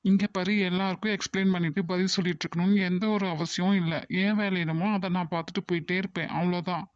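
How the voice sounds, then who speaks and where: A performer playing a calm, firm husband in a cartoon, with a Kongu Tamil accent, who talks in a measured, lecturing and reassuring way. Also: medium pitch, dry recording, close to an everyday voice. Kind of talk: cartoon voice acting. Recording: dull dry lo-fi recording.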